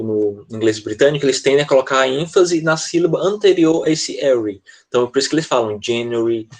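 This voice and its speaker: Brazilian guy teaching english online, explains slowly step by step, keeps asking if the kids got it. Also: medium pitch, a little mellow. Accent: Brazilian Portuguese. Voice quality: explains step by step, checking in with "tá?" often. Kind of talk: online class lecture.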